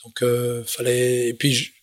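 Middle-aged French sailor guest, halting and rambling, dry studio mic. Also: male voice, mid-range voice, monotone, dry recording. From France. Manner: rambling, many fillers and restarts. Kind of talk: casual interview storytelling.

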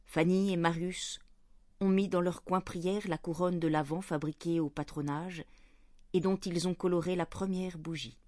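A woman reading a Christmas children's story aloud in a clear, gentle, measured way. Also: lowish voice, steady tone, dry recording, clean studio sound. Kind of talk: storybook narration read aloud.

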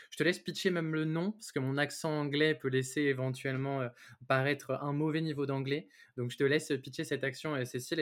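A man hosting a podcast interview, asking questions in a casual, upbeat way with quick friendly reactions. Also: medium pitch. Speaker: podcast host.

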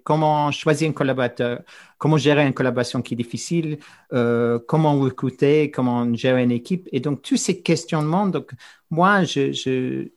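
A man's voice: mid-range voice, a little mellow. A middle-aged man in talks spontaneously as an interviewed researcher, repeating words as he searches for phrasing. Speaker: researcher and podcast co-host, interview guest.

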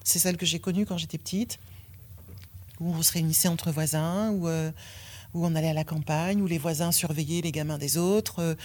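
A French woman in her fifties, once an athlete, tells her own story candidly in a deep, steady, slightly mellow voice at a fairly quick pace. She's frank and blunt, swearing now and then.

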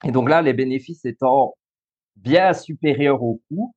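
On a podcast, a thirty-year-old guest from Belgium, a school coach and social worker with a Belgian French accent, calmly explains things at a measured pace. His medium-pitched speech is full of fillers, restarts and easy laughs, and the recording sounds muffled.

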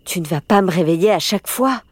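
A woman reading an audiobook and voicing a bold, impatient girl of about twelve who talks briskly and protests. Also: fairly low pitch, darkish tone, no echo, pitched above the performer's own voice, lightly acted. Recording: music playing behind.

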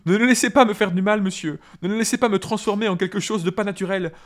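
A man voicing a timid, eager young male hobbit gardener who pleads and trembles in a high voice. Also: a little fast, natural voice. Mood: pleading.

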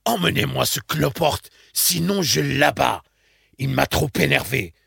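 A man voicing a cruel, mocking militia chief in an audiobook, with a raspy, menacing delivery. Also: mid-range voice, animated, a little slow, fairly bright tone, no room sound, studio quality, pitched above the performer's own voice, exaggerated voice. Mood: irritated. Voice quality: gravelly, raspy. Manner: menacing, sneering. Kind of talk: audiobook character voice.

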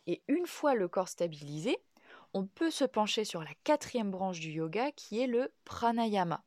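Woman podcast host, calm, measured teacher, dry close sound. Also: mid-range voice, dry recording. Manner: calm, measured, with frequent "euh" and "donc". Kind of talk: explanatory podcast monologue.

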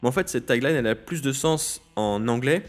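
A man's voice: mid-range voice, lively intonation, brisk. A man hosting a podcast in casual solo talk, hesitant, with many fillers and restarts. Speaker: podcast host.

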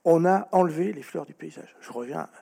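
A man speaking as a guest author in an interview, explaining at length with animated storytelling and frequent restarts. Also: on the high side, brisk, gravelly, slightly rough.

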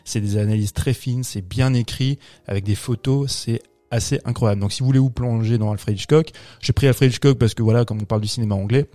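Mellow-voiced man giving a recommendation. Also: mid-range voice, fairly even intonation, brisk, few pauses, no room sound. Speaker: podcast co-host. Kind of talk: casual podcast chat, recommending a book.

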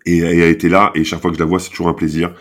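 Very deep and level, this man's voice moves rapid-fire through a casual podcast interview where he's the guest, a basketball camp founder. Congested from a head cold, he's talkative, rambling, and often restarts his sentences.

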